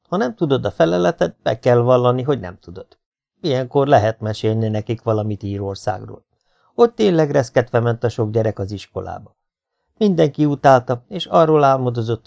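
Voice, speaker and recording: A man's voice: medium pitch, vocal fry, a little mellow. A man reading an audiobook aloud in a wry, dry storytelling manner. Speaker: audiobook reader. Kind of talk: audiobook narration.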